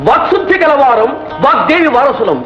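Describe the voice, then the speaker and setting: A man's voice: very high voice, big pitch swings, brisk, muffled recording. An actor playing a bogus wandering astrologer posing as a holy man, chanting in grandiose old-style speech. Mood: pompous. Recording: roomy old film soundtrack with loud music.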